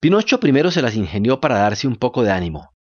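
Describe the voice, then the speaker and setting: A male storyteller reads a scripted radio tale with dramatic flair. His pitch rises and falls in lively arcs. The sound is dull and lo-fi, as from an old broadcast. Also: quick pace. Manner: dramatic, expressive reading.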